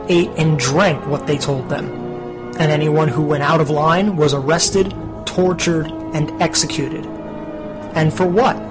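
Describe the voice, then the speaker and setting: A stern spirit of the future, played by a man who lectures in a firm, sarcastic tone. The voice sits slightly high, with clear music underneath. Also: natural voice. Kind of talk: comedic parody radio play.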